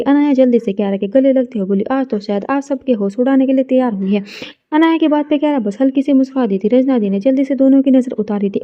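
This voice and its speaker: A woman's voice: sits high, narrow, tinny audio. A woman reading a romance story aloud in a casual way, with fillers and restarts. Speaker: story narrator.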